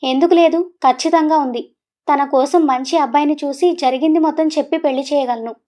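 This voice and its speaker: A woman's voice: high-pitched, brisk, mellow, lightly acted. A woman voicing a young man, an earnest and troubled husband, in a serious, pleading way.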